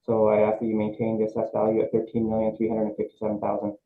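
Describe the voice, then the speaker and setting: A man testifying as an assessor at a review board over a video call, halting, with many fillers and restarts. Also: lowish voice, completely flat delivery. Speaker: city assessor presenting at a hearing. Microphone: remote video call, microphone held close. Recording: tinny video-call audio with faint hiss.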